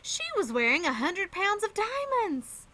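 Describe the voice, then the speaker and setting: A woman's voice: very high-pitched, very animated, unhurried, bright, forceful tone, voice pushed up, exaggerated voice. A woman voicing a curious, chatty little girl in a storybook reading. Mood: eager. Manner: eager and questioning.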